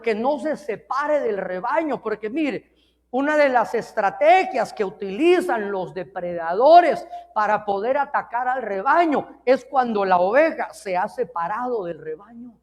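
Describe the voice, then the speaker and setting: A man preaching an informal sermon in earnest tones, repeating himself and often calling listeners brother, with joking asides. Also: very high-pitched. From Mexico. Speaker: pastor. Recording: long reverb of a large hall.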